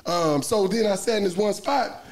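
A man's voice: sits high, normal speed. A man, chatting casually in a group talk and telling a story animatedly while acting out what people said. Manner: animated storyteller, acts out quotes. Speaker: podcast co-host.

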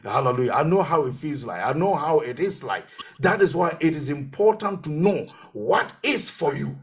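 A man's voice: on the high side, expressive, normal speed. A man pastor preaching a sermon, telling his own testimony and repeating phrases for emphasis.

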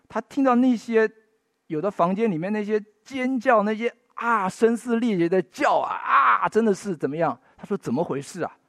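A man preaching with a lively, swooping voice that sits a little high for a man. He tells stories and punctuates them with folksy tag particles. Now and then he climbs into emphatic bursts. The sound is dry and close, with no room echo. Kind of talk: sermon with storytelling.

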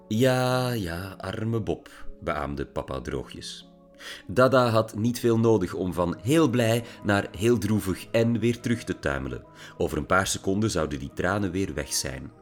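Deep-voiced man reading a story. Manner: vivid, theatrical storytelling. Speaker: audiobook narrator. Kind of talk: expressive audiobook narration. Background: background music.

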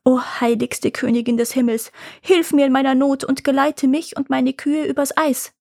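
A woman's voice: fairly high pitch, animated, moderate pace, dry recording, clean studio sound. A woman voicing an impatient, harried male farmer driving his cows through snow in a storybook reading. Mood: pleading. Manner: urging, exclaiming.

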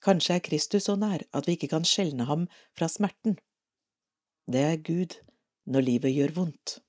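A Norwegian woman reading a devotional article aloud for an audio edition of a parish magazine, calm and measured. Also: sits low.

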